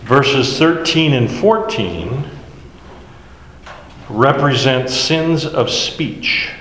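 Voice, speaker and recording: A man's voice: mid-range voice, extremely slow, a bit bright, a little hiss or hum. A man leading a Bible study, explaining verses one by one in a conversational way. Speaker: Bible teacher. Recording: echoey hall with faint ambience.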